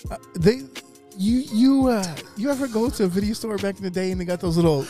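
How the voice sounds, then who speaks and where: A man co-hosting a casual comedy podcast, excitable, stammering and laughing a lot. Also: high-pitched, brisk, soft background music. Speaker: podcast co-host.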